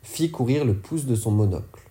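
A man's voice: mid-range voice, expressive, normal speed, warm tone. A man reading an audiobook narration steadily, now and then correcting a slip. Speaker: audiobook reader.

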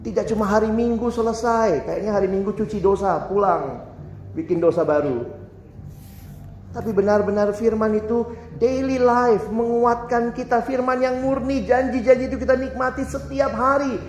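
A preacher man with a high voice gives a conversational, humorous sermon. He teases the congregation and slips into acted voices. The sound is roomy, like a church hall with faint ambience. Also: moderate pace, darkish tone, slight background noise. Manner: conversational, joking, acts out voices.

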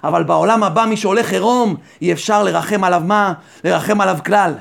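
A male rabbi with a high-pitched, gravelly voice delivers a Torah sermon. He poses rhetorical questions and answers them himself, repeating key phrases for emphasis.

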